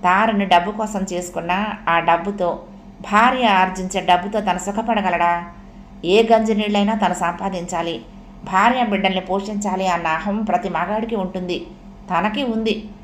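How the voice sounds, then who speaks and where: A woman narrating a full novel as an audiobook, in a steady, measured storytelling manner. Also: mid-range voice, a little hiss or hum. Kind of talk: novel reading. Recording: roomy echo.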